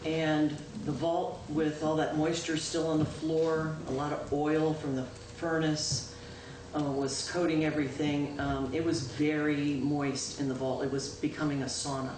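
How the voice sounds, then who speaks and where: A woman town clerk gives a chatty, informal spoken report to the town board in a meeting room. Her voice is loud and low with a level tone, and she pauses often with "um" and corrects herself along the way. A distant room mic captures it, so this local-access meeting recording sounds echoey, far off and noisy.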